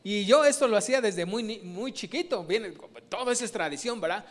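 High-voiced preacher. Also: male voice, animated, a little fast. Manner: conversational, rhetorical questions to the congregation. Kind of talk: informal sermon teaching.

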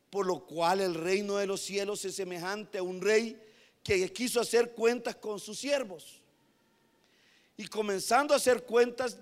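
A man preaching a sermon, moving between hushed passages and emphatic repetition, often addressing his listeners as brothers. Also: high voice. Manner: animated, swings from hushed to emphatic, repeats "hermanos".

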